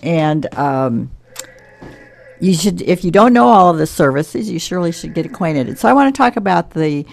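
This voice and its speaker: A woman's voice: on the low side, sing-song, normal speed, gravelly. Friendly local show host woman.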